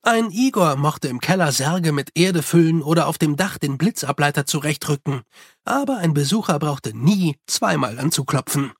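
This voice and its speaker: A man reading a novel aloud as scripted narration, in a lively, expressive way. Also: on the high side, normal speed, husky, dry recording, clean studio sound. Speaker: audiobook reader.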